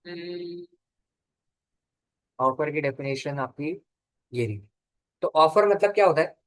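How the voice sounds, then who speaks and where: A young man giving a law lecture, dictating definitions slowly and answering his own questions as he teaches. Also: fairly high pitch, expressive. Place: classroom or studio.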